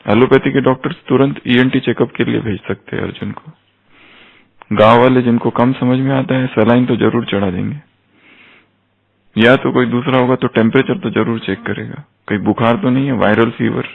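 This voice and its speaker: A man's voice: medium pitch, fairly even intonation, normal speed, gravelly. A man giving an explanatory spiritual lecture, posing rhetorical questions to his listeners and mixing in English terms. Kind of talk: explanatory discourse. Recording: tinny phone-like sound.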